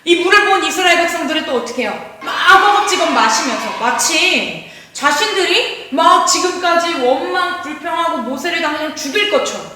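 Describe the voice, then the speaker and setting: A woman's voice: very high voice, animated, moderate pace, pushed and bright, a little hiss or hum. A woman teaching a children's worship service, telling a Bible story animatedly and acting out the characters' voices with laughing asides. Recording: echoey room from a distance.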